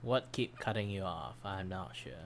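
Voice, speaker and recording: A man's voice: low voice, lively intonation, moderate pace, a little hiss or hum. A man chatting casually on a livestream in a rambling, self-deprecating way, his voice starting to give out. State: losing his voice. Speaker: streamer, commission artist. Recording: background music under voice. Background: background music.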